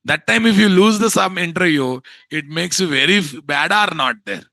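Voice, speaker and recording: A man with a Telugu Indian accent teaching an informal live software class in an exasperated, scolding way, often firing rhetorical questions at his students. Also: sits high, moderate pace, vocal fry, no room sound. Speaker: instructor of a software course.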